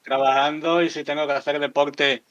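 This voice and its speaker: Man, casual storytelling, candid and crude, fairly high voice, dull dry lo-fi sound. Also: little pitch movement, moderate pace, fairly bright tone, dry recording. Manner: candid, vulgar, laughs at his own stories. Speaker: podcast guest.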